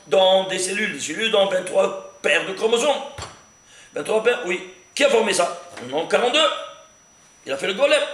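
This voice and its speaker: Rabbi guy teaching torah, super lively voice, keeps asking questions, echoey room. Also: sits high, a little hiss or hum. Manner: animated, questions the listener, counts aloud. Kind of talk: lively Torah lesson with gematria.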